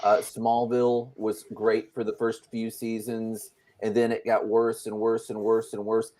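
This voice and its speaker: A man's voice: on the low side, monotone, a little slow, dark tone. A male podcast co-host in casual chat, chatty as he retells show plots.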